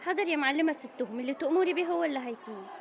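A woman doing a shrill, jittery Egyptian inmate. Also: expressive, rapid-fire, creaky. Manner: panicky, fawning, shrill. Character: jittery fawning young female inmate sidekick.

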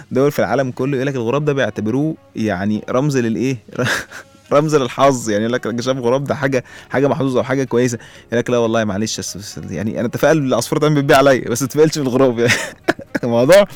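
Egyptian male host, very fast comic monologue, chuckles and rhetorical questions. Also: medium pitch, darkish tone. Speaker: radio show host.

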